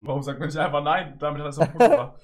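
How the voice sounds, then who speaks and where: A young man co-hosting a stream, chatting playfully and excitably, teasing his friend. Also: fairly high pitch, racing. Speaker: streamer co-host. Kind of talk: casual stream chat.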